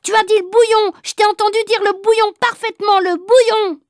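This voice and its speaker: A woman doing a shrill crybaby schoolboy. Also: big pitch swings, takes it slowly, no room sound, clean studio sound, heavily acted. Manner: shrill, whining and shouting. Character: whiny tattletale schoolboy, teacher's pet, crybaby.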